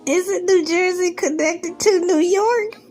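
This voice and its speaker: Speaking slowly in a very high-pitched, slightly mellow voice, a female video host comments on a news article in a casual, comic style. She drifts into incredulous, joking, rambling asides while background music runs beneath her.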